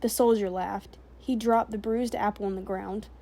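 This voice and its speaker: Mellow woman reading a novel aloud. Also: mid-range voice. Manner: steady, measured storytelling. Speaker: narrator.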